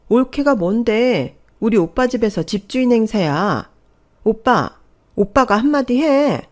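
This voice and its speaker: A woman voicing a snippy young sister-in-law with a whiny, high voice. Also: darkish tone.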